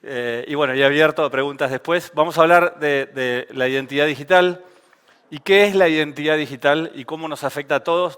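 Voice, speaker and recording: A man with an Argentine accent gives a casual, joking conference talk on stage. His voice is medium-pitched, a bit bright, and smooth, and the recording has the reverb of an event hall.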